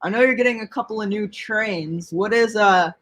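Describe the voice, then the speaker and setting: A young-sounding man with a high voice chats eagerly as co-host of a livestream. He stumbles over his words and leans on "like" and "uh" while he gets his point across. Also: fairly bright tone. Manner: eager, halting, many fillers. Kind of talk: casual chat.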